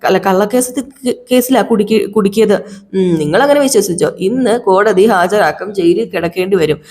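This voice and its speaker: A woman's voice: medium pitch, fairly quick, a little mellow, lightly acted. A woman voicing a bitter young man in a TV serial retelling who accuses his brother-in-law.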